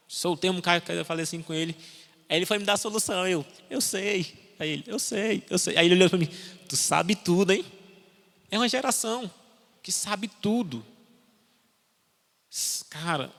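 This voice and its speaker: Young guy preaching, bit high-pitched, gravelly, punchy and emphatic, big church echo. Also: a bit bright. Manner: emphatic, rises in pitch to exhort, drops low to drive points home. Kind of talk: sermon. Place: church hall. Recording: long church reverb.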